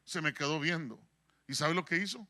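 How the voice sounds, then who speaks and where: A man preaching a sermon as pastor, an animated storyteller who acts out quoted dialogue. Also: a little high, normal speed. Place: church in San Diego.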